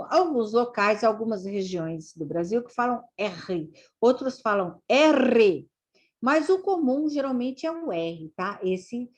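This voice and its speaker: A woman teacher giving a slow literacy lesson for children, drawing out syllables and words. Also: medium pitch, darkish tone.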